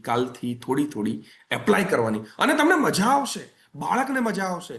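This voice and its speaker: A man's voice: high-pitched, fairly bright tone. A man giving a parenting webinar talk, conversational and coaxing, repeating phrases for emphasis. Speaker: parenting coach.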